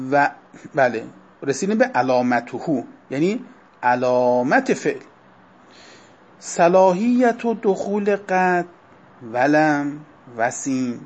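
Husky man lecturing on grammar. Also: a little high. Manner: explanatory, lecturing to students, slow deliberate stresses on terms. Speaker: teacher. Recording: dull lo-fi recording.

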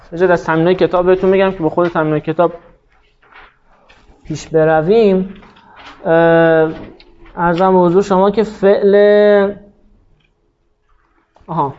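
A man teaching an Arabic grammar class, patiently explaining rules, quizzing students and slowing down to dictate word forms. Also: high voice. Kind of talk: classroom lesson. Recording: dull lo-fi sound.

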